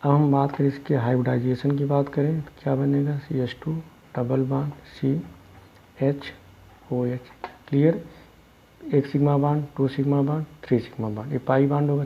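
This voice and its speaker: A man's voice: medium pitch, steady tone, normal speed, vocal fry, slightly rough. A male chemistry teacher giving a classroom lecture, explaining step by step and answering his own questions. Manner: explains step by step, asks students questions and answers them himself; calls students "beta". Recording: dull lo-fi recording.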